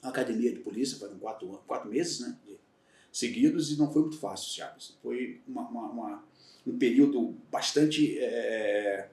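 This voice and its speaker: Guesting on a casual podcast interview, a retired federal police agent from Salvador, Bahia, Brazil, reflects candidly on his stories with frequent restarts. He speaks Bahian Brazilian Portuguese in a mid-range, slightly mellow voice at normal speed. The room is echoey and his voice is heard from a distance.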